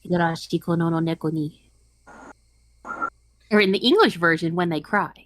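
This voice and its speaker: A woman's voice: lowish voice, moderate pace, slight background noise. A woman co-streaming a game from home, chatting casually with dry, wry remarks. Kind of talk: casual chat.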